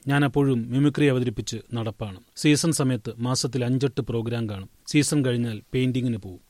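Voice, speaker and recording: A man giving a steady, measured read-aloud of a newspaper feature interview. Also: medium pitch, dry recording. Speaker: newspaper article reader.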